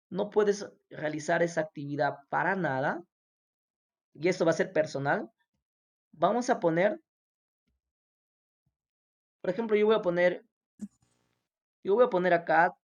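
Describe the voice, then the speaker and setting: A woman's voice: fairly low pitch, darkish tone. A woman whose first language is Spanish, teaching a language class, patiently repeating words for her students to echo. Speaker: English teacher.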